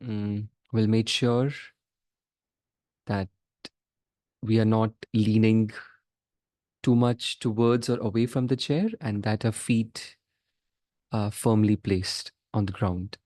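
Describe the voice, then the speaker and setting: A man teaches a guided meditation, pacing out measured instructions in short phrases punctuated by pauses. His pitch is fairly low, his intonation fairly even, and his tone darkish, with no echo in the recording.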